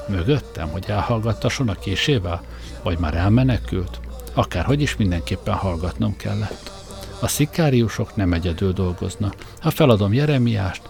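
A man's voice: on the low side, creaky. A man narrating an audiobook in a wry, comic first-person storytelling style.

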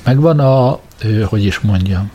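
A man's voice: lowish voice, dark tone, breathy edge. Man doing an agitated, impatient programmer. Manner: agitated, raised and urgent. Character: anxious excitable male programmer, impatient.

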